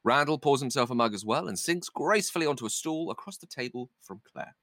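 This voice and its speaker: A man's voice: mid-range voice, lively intonation, fast talker, fairly bright tone, no room sound, studio quality. A man reading stage directions in a script read-through, dropping in casual asides.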